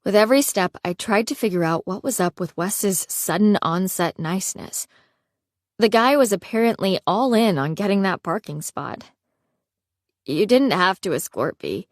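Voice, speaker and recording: A woman reading a first-person romance audiobook in a steady storytelling manner. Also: mid-range voice, moderate pace, dry recording, clean studio sound. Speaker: audiobook narrator.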